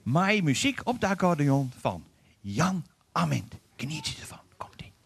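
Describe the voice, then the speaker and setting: A man's voice: fairly high pitch, a little slow, creaky, background noise. Male TV presenter. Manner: relaxed, enthusiastic links between items. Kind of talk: live village television presenting.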